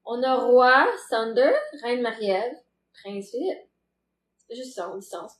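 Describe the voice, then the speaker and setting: A playful woman with a Québécois accent hosts a casual live chat, laughing easily as she talks. Her voice sits high and bright in pitch. The recording has a roomy echo around it. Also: takes it slowly. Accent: Québécois French. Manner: chatty and playful, laughs often. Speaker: livestream host chatting with viewers.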